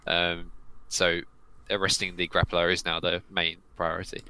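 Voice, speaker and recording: A man's voice: deep voice, completely flat delivery, moderate pace, sharp tone, clean tone, low-quality recording. A man taking part in a tabletop role-playing game, thinking aloud about his character's choices with many restarts. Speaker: player.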